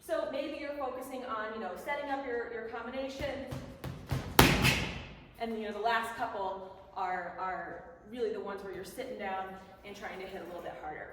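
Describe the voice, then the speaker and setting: A woman's voice: fairly high pitch, moderate pace, soft background music. A woman giving casual, conversational instruction as a boxing coach. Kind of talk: instructional talk on bag drills. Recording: echoey hall, distant mic, faint noise.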